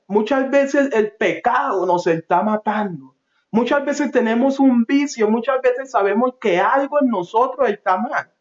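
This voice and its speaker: Impassioned high-voiced male preacher. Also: echoey room, muffled recording. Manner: impassioned, swings between loud pleading and low soft phrases. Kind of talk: sermon.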